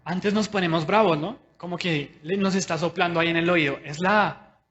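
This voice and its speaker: A man delivers a sermon in a personal, conversational way, turning often to speak straight to his listeners. His voice sits a little high for a man. The recording is dull and lo-fi, with the top end muffled. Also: a little fast, a bit bright. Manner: conversational, personal preaching, addressing listeners directly. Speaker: preacher.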